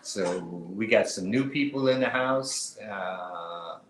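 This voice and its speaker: A man co-hosts a casual live-stream show for an online artist marketplace, rambling loosely with lots of fillers and restarts. His voice is on the low side, slow and a bit bright, and the recording has a roomy echo plus a little hiss or hum.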